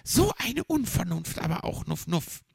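A man voicing a fussy, motherly hedgehog mother in a children's audiobook, in a high put-on falsetto. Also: big pitch swings, measured pace, creaky, darkish tone, dry recording, heavily acted. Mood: indignant. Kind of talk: audiobook character voice.

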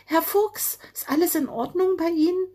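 A woman's voice: very high voice, moderate pace, mellow, voice pushed up. A woman voicing a small, concerned male blue bird in a children's audio story. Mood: worried. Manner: concerned, sympathetic.

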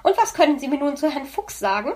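Impatient storybook magpie lady, huffy and easily offended, pitched up; a woman reads her. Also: sing-song, normal speed. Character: fussy indignant female magpie, impatient.

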